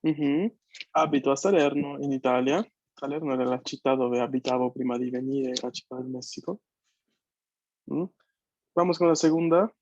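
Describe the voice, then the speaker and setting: A man's voice: medium pitch, moderate pace, long pauses, a little mellow, no echo. A man teaching a beginners' language class over a video call, patiently checking that students follow. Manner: patient, checks understanding with frequent questions. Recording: dull, dry video-call audio.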